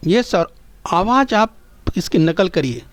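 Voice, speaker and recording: A man teaching young children a Hindi lesson, speaking patiently and constantly encouraging his pupils, slowing down so they can repeat after him. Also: high-pitched, sing-song, slight background noise. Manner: patient, repeats phrases slowly for pupils to echo. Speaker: primary school teacher.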